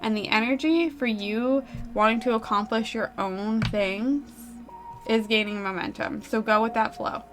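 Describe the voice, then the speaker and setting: A woman's voice: on the high side, measured pace, music in the background. A woman giving casual, chatty tarot readings on a live stream, talking informally and swearing now and then. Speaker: tarot reader.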